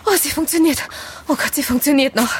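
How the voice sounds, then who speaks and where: A woman's voice: high voice, brisk, very noisy, natural voice. A woman acting a terrified, pleading woman in a radio play, panicking and repeating herself. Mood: panicked. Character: terrified woman lost in the dark wilderness.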